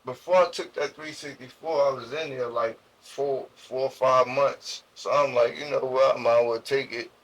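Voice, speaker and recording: A young man from Jersey City with a New Jersey accent, telling his story as an interview guest in slangy, halting speech full of restarts. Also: medium pitch, fairly even intonation, low-quality recording. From Jersey City, USA.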